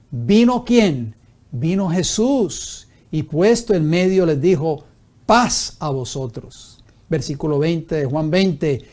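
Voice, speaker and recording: A man's voice: a little high, mellow. A man pastor teaching a Bible study sermon, reading scripture aloud and asking his listeners rhetorical questions.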